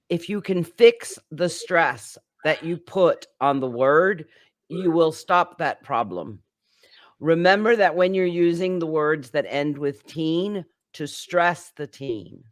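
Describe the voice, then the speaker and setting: A woman teaching English pronunciation in a class, drawing out each example word as she demonstrates it. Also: sits low. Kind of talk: live online class instruction.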